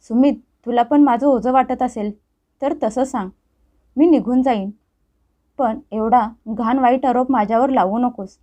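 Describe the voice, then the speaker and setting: A woman's voice: on the high side, a little slow, dark tone. A woman voicing a scheming sister who talks in a defensive, self-pitying way, in a story reading with a dull sound.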